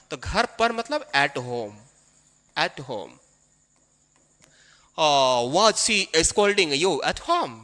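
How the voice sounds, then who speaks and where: Lively high-voiced man teaching grammar. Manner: explains step by step, repeating key phrases slowly. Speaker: English teacher. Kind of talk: classroom grammar lesson. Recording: long hall reverb.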